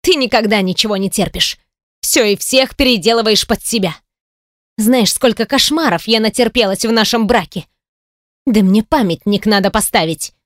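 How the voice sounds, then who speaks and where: A woman reading an audiobook voices a sharp-tongued ex-wife, accusing and scornful. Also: medium pitch, normal speed, dry recording, studio quality, close to an everyday voice.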